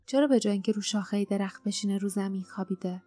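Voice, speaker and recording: A woman voicing an uneasy young man on a dangerous journey who speaks in a hushed, hurried way. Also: medium pitch, close to an everyday voice. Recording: dry close mic, faint music underneath.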